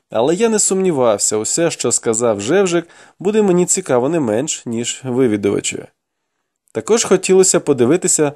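Expressive male audiobook narrator. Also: medium pitch. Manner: expressive, dramatic storytelling. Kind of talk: first-person audiobook narration.

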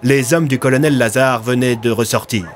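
A man reading a dramatic audio story in a steady, expressive voice. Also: medium pitch, moderate pace. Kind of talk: scripted dramatic narration. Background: faint music.

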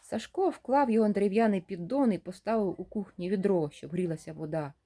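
A woman reading a short story aloud in a lively, dramatic storytelling way. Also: mid-range voice, fast talker. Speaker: reader of short stories.

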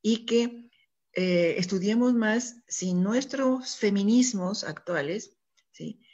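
Earnest woman guest on a radio panel, husky voice, muffled lo-fi radio recording. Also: medium pitch, slow, a little mellow. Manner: earnest, keeps checking in with listeners. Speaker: guest speaker.

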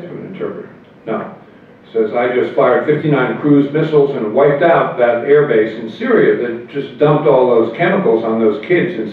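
An older man appearing as a politician guest chats in a relaxed way at a convention, sharing wry anecdotes and laughing at his own jokes. He is picked up from a distance by a stand-mounted table mic in a hotel meeting room. His mid-range voice sounds thin, phone-like, and echoey, with slight hiss or hum.

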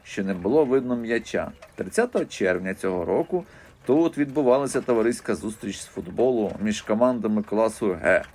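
A man narrating a children's novel aloud in a lively, expressive storytelling voice. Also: on the low side. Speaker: audiobook narrator. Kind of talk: scripted audiobook narration.

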